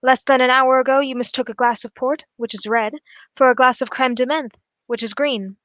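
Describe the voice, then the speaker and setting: A woman portrays an astute gentleman detective in a classic-style radio drama, sounding confident and accusing. Her high voice, recorded close and dry, holds fairly even intonation as she calmly and formally lays out each point in measured steps.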